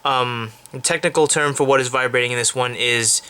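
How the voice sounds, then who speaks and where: A man talks through a beatboxing lesson off the cuff, rambling and restarting as he goes. His voice is bright and forceful with a crisp, smooth clarity, pitched in an ordinary middle range. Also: fairly even intonation, fairly quick. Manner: rambling, filler-heavy explaining. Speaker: beatbox tutorial host. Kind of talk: unscripted casual tutorial.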